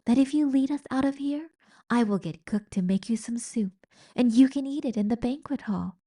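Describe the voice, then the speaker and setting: A woman voicing a gentle, earnest young princess who speaks softly. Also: a little high, moderate pace, breathy edge, voice pushed up. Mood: earnest pleading. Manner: soft and pleading.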